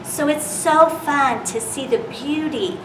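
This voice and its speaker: A woman reading a picture book aloud to young children as a storytime host, expressive and deliberate, stretching key words. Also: sits high. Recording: roomy, distant microphone, clear background noise.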